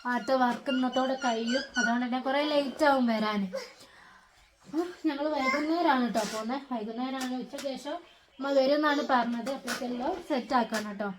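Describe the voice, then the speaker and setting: A woman's voice: high voice, background noise. A young woman, chatting casually at home in a family vlog as she explains each step. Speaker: family vlogger, mother. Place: home, indoors.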